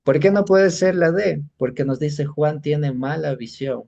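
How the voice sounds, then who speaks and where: A man's voice: on the high side, a little slow, creaky, mellow, dull audio. A male teacher giving an exam-prep lesson, explaining patiently and often stopping to check that students are following. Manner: patient explaining, keeps checking in with short questions.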